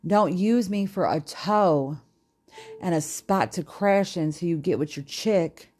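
A woman's voice: lowish voice, slow pace, a little mellow, husky. A woman with children ranting in a casual podcast monologue, blunt and heavy on profanity. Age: adult with children. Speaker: podcast host.

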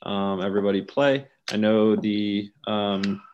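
A man's voice: on the low side, unhurried, muffled recording. A man co-hosting a casual sports chat, on a slightly noisy recording. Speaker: co-host, coach.

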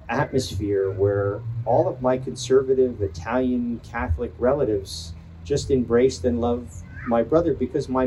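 A man's voice: mid-range voice, dark tone, slight background noise, rough recording. An older man giving an earnest, emphatic speech at an outdoor Pride event, rousing the listeners. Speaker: speaker at a Pride rally. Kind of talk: impassioned outdoor rally speech.

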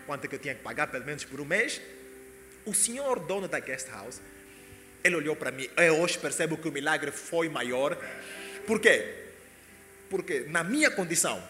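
Man, high bright voice, swooping pitch, echoey hall, faint music behind. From Angola. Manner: excitable, with sudden loud exclamations. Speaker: speaker giving a personal testimony. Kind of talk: animated storytelling testimony.

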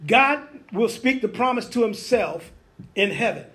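A man's voice: extremely high pitch, expressive, unhurried, fairly bright tone. A man preaching a sermon, peppering it with amens and hallelujahs, folksy asides and acted-out biblical dialogue. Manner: acts out biblical dialogue in changing voices.

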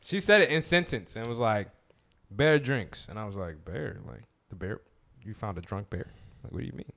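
Animated American man bantering casually. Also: on the low side, brisk, creaky. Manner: slangy, animated. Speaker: podcast host.

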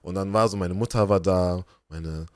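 Casting: young male podcast co-host, lowish voice, lively storyteller, dry close sound. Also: normal speed, dry recording. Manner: animated storyteller, acts out quoted voices. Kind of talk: casual storytelling chat.

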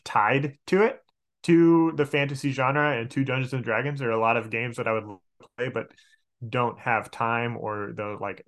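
This enthusiastic podcast guest, a tabletop game master who also teaches elementary school, chats casually and tends to repeat words while working out his thoughts. His voice sits in the mid range with a fairly bright tone.

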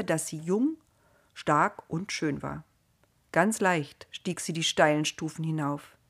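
A woman telling a Bible story in a calm, gentle storytelling voice. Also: on the low side. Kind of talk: scripted children's Bible story reading.

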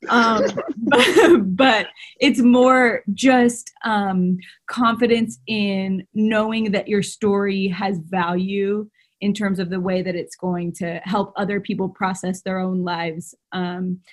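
A woman co-hosting a podcast in casual, animated chat, laughing often and throwing in quick asides. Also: mid-range voice. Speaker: podcast co-host.

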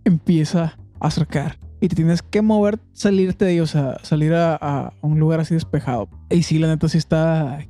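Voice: medium pitch, normal speed, hardly any pauses, mellow, no room sound, faint music behind. A speaker with a Mexican Spanish accent telling a camping anecdote in a hesitant, casual way. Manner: hesitant, many restarts and fillers.

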